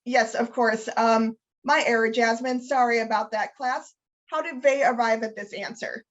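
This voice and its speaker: A woman reads a well-meaning male math professor who is awkward about pronouns. He addresses his class in a stiff, hesitant way, in a slightly high voice. The sound is dull and muffled, like online call audio. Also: fairly even intonation, moderate pace, close to an everyday voice. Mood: apologetic. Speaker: student leader reading a training scenario. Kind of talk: read-aloud role-play scenario.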